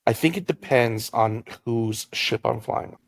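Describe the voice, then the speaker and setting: A man's voice: mid-range voice, a little slow, gravelly, no room sound. A young man co-hosting a casual podcast chat, jokey and rambling, often trailing off mid-thought. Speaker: podcast co-host.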